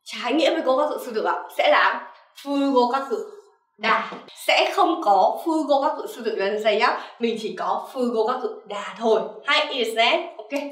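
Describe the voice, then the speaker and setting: Lively woman teacher, echoey and off-mic. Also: fairly high pitch, normal speed, recorded from a distance. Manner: keeps asking "right?" as a checking tag; refers to herself as sensei. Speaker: Japanese teacher. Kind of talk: vocabulary lesson.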